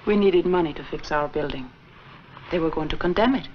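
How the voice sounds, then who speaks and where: Proper young nun, gently reproving, acted by a woman; dull 1940s film sound with light hiss. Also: deep voice, fairly quick, close to an everyday voice. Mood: earnest. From Sweden, raised in Minnesota. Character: earnest, proper young nun running a school. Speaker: nun heading a school.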